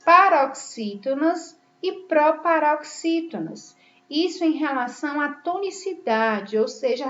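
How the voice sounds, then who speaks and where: A woman's voice: high-pitched, fairly bright tone. A woman teacher from Brazil, giving a patient grammar lesson and stressing each example word. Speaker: Portuguese teacher. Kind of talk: classroom lesson explanation. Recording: echoey room, slightly dull sound.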